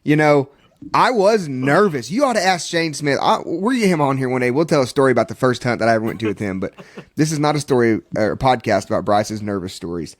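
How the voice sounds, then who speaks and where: A man's voice: mid-range voice, animated, fast, no room sound. A man co-hosting a casual podcast, joking at his own expense and cutting in playfully. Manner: self-deprecating, cuts in jokingly. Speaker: podcast co-host. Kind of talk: casual chat.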